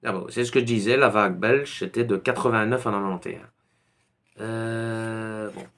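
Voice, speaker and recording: A man's voice: lowish voice, steady tone, a little slow, fairly bright tone. A man from Belgium with a Belgian French accent, casually recommending books with a rambling manner and many hesitations. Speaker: YouTuber reviewing books.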